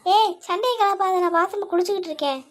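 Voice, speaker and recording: A woman voicing a sharp-tongued young woman in a cartoon, teasing and bickering. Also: very high voice, quick pace.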